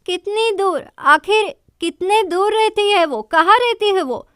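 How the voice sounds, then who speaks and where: A woman's voice: very high-pitched, measured pace, fairly bright tone, no echo, clean studio sound. A woman voicing a bossy, demanding young woman who presses with questions.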